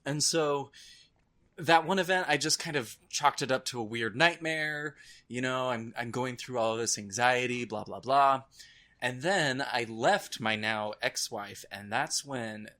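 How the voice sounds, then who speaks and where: This podcast co-host, a man, talks a little slowly in a medium-pitched voice with a sharp tone. He is informal, wry and self-deprecating in a casual conversation about nightmares and horror films.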